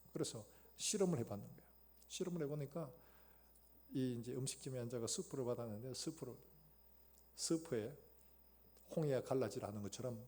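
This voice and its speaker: Male pastor, warm gravelly storyteller in a church sermon. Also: medium pitch. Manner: storytelling, acting out quotes with sudden loud outbursts. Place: church sanctuary.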